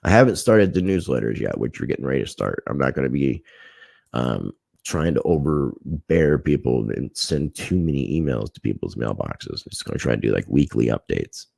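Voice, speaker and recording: A man's voice: a bass voice, sing-song, moderate pace, vocal fry, a little mellow, slightly rough, no room sound. A man hosting a casual livestream, reading viewer comments, thanking people by name and airing a grievance. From United States. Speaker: livestream host.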